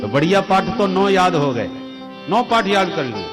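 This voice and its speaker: A man voicing a young, devout boy prince who answers his father gently and with confidence. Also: high voice, big pitch swings, moderate pace, pitched above the performer's own voice. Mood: sweet. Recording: echoey hall with music.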